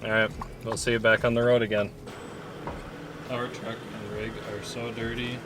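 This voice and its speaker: A man's voice: medium pitch, flat delivery, normal speed, background noise. A man from the United States chatting casually as a travel vlogger. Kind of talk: casual travel vlog chat.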